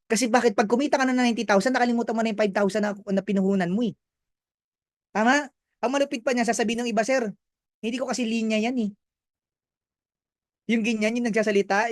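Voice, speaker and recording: Brief: young male presenter, high voice, dry close sound, lively chatty motivational pitch. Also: no room sound. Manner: energetic, chatty, keeps asking "right?". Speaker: business presenter. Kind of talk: motivational sales talk.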